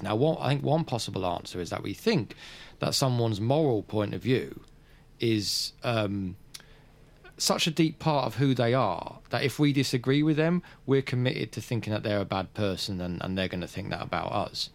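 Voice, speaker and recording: A man's voice: lowish voice, lively intonation, moderate pace, gravelly. An Australian man co-hosting a philosophy podcast, talking things through thoughtfully with hedging fillers. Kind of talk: conversational philosophy discussion.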